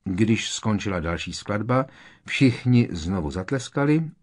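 A man's voice: fairly low pitch, lively intonation, darkish tone. A man narrating an audiobook with dramatic storytelling.

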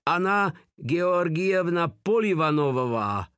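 A man's voice: a little high, animated, fairly bright tone, clear, resonant tone, no echo, clean studio sound, pitched above the performer's own voice. A man voicing a terrified captured male Soviet commissar, with a put-on Russian accent and frantic pleading. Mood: panicked. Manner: panicked pleading, broken words.

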